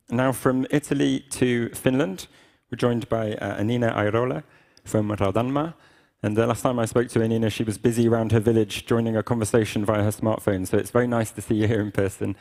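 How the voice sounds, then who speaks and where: A man moderating a conference, briskly introducing speakers. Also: fairly low pitch, vocal fry, darkish tone.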